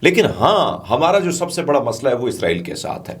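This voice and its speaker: A man's voice: mid-range voice, sing-song. A man from Pakistan giving conversational news commentary, chatty and digressive, full of asides and fillers.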